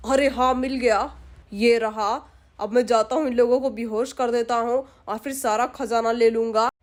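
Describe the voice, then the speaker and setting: A woman's voice: on the high side, steady tone, moderate pace, pitched below the performer's own voice, natural voice. A woman voicing a greedy male village thief who mutters his plans to himself and gloats.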